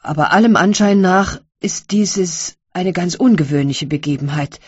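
A woman's voice: fairly low pitch, normal speed, slightly rough, no echo, lo-fi sound. A woman voicing a bewildered, timid male barber who mutters and frets in an audiobook reading. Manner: puzzled, fretful, muttering.

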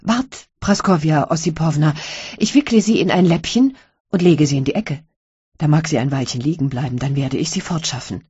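A woman's voice: lowish voice, animated, measured pace, a little mellow, breathy edge, dry recording, highs cut off. A woman voicing a bewildered, timid male barber who mutters and frets in an audiobook reading. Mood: pleading. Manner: puzzled, fretful, muttering.

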